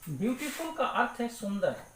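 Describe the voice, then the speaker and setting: A woman teacher giving a grammar lesson, speaking slowly and deliberately and repeating words to break them into syllables. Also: a little high, very animated, slight background noise. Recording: echoey room.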